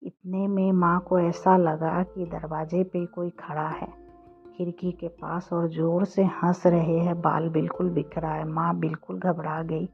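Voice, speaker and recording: A woman narrating a first-person horror story, slow, flat and hushed. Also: on the low side. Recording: dull lo-fi audio with faint music.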